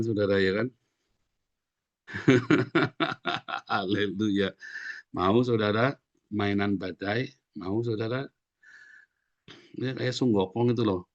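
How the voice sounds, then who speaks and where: A man preaching a lively sermon, joking and acting out voices. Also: fairly low pitch, no room sound, highs cut off. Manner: animated, jokes and acts out quoted voices. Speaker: pastor.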